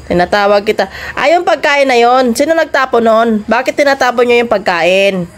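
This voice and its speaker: Woman scolding her dogs in a high voice. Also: expressive, a little fast. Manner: scolding and coaxing her dogs, pitch jumping up when calling them. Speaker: dog owner filming her pets. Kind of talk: casual vlog narration.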